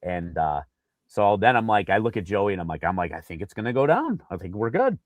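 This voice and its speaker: A man's voice: on the low side, fairly quick, no echo. Lage, droge man die een sportverhaal vertelt. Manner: animated storyteller, acts out quotes, many fillers. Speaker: podcast co-host. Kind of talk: casual sports podcast storytelling.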